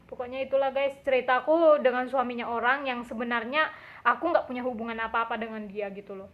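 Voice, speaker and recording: Young woman, casual vlog storyteller, high voice, animated quotes, muffled lo-fi sound. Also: fairly quick. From Indonesia. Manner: lively, acts out quotes with raised voice. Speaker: vlogger. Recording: dull lo-fi recording.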